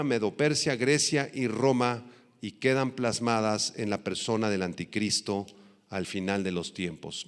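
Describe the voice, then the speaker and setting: A male pastor preaching a sermon in an animated, teacherly way, rising loud on key points and slowing down to stress words. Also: mid-range voice. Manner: teacherly, spells out terms and tells listeners to note them. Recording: long hall reverb.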